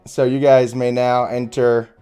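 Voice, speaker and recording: A man's voice: medium pitch, little pitch movement, over music. A man narrating as game master of a tabletop game, with an easygoing, chatty manner. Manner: easygoing, chatty, with quick laughs between narration.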